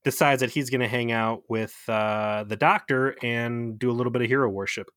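Casual male co-host, dry close mic, animated retelling, salty language. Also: medium pitch, moderate pace, dry recording. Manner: animated, acts out quotes, swears, laughs. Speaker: podcast co-host. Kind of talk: casual chat recapping a TV episode.

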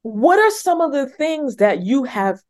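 A woman's voice: sits high, big pitch swings, a little slow, darkish tone. A woman from New York with a faint New York accent, interviewing a guest in casual conversation. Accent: New York, switched off.

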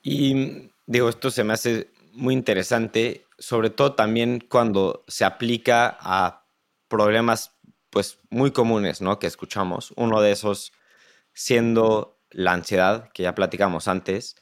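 A man hosts a podcast and asks his questions with a low voice. He hesitates and thinks aloud as he puts them together. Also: steady tone, measured pace. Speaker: podcast host. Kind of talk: interview questions.

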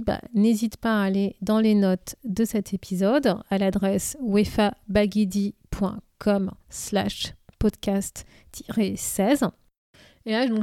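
A woman's voice: medium pitch, darkish tone, smooth, no echo, studio quality. A woman hosting a solo podcast, walking the listener step by step through a self-coaching exercise in a methodical way, with fillers along the way. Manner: methodical, addresses listener informally, frequent fillers. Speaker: podcast host.

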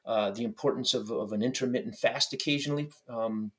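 A man answers as a guest expert on a podcast. His pitch is average and his talk is conversational, breaking often into short halting phrases. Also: fairly bright tone. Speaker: podcast guest, doctor and author. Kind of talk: conversational interview.

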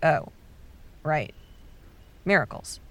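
A woman's voice: low voice, big pitch swings, slow pace, creaky, fairly bright tone, full character voice. An actress playing a blunt, foul-mouthed young woman who leads the group with impatient exasperation. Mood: tense. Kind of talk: audio drama acting.

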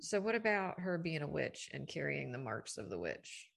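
A woman's voice: low-pitched, sing-song, normal speed, vocal fry, slight background noise. A woman co-hosting a podcast, reacting wryly and asking questions in casual chat. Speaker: podcast co-host.

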